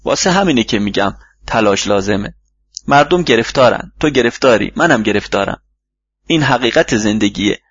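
A man voicing a wise older male mentor in an audiobook, speaking calmly and instructively like a father. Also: mid-range voice, breathy edge. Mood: advising. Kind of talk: audiobook reading. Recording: dull lo-fi recording.

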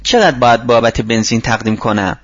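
A man's voice: medium pitch, highs cut off, lightly acted. A man reading a storybook, voicing an eager, polite young family man who is struggling to get ahead. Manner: polite, excited replies.

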